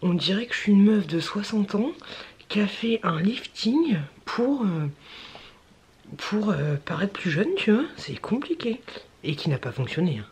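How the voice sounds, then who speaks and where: A woman's voice: medium pitch, sing-song, a little slow, darkish tone, slight background noise. A woman chatting casually in a home vlog, grumbling and often dropping to a half-whisper. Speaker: vlogger. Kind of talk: casual vlog chat to camera.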